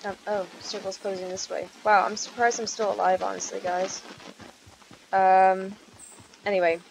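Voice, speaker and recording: A woman's voice: medium pitch, flat delivery, normal speed, creaky, slight background noise, rough recording. A young woman casually commenting on her gameplay, chatty and easily startled, swearing often. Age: young adult. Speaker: gaming channel host.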